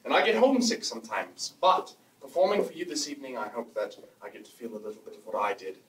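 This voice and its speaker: A man's voice: mid-range voice, expressive, quick pace, noisy background. A man performing as a stage magician, with playful, teasing banter toward a volunteer. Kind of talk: live stage magic patter. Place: live stage before an audience. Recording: echoey stage sound from far off with loud ambience.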